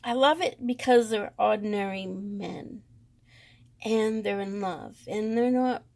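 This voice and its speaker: A woman with a Boston accent, talking slowly through a tarot deck comparison with many pauses and fond praise. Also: mid-range voice, creaky, a little mellow. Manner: slow, hesitant, lots of ums, gushing. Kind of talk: casual deck walkthrough.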